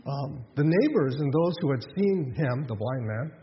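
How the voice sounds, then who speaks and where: A man's voice: medium pitch, lively intonation, normal speed, dull audio, a little hiss or hum. Man preaching in an echoey hall. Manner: conversational preaching, many restarts and "um"s, rhetorical questions. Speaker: pastor. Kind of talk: sermon.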